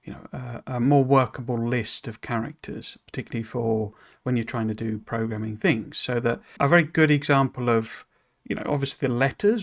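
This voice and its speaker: With a gravelly, mid-range voice, a man hosting a stream reads out a game dev's blog post and casually explains it afterward. His hesitant tangents are full of restarts and "you know," and he pokes fun at himself over how he pronounces foreign words.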